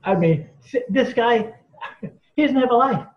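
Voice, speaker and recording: A man's voice: very high voice, expressive, unhurried. A man guest in an interview, telling earnest, emphatic stories and acting out the people in them. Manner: earnest, emphatic storyteller quoting others. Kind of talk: storytelling in an interview. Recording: roomy, dull lo-fi sound.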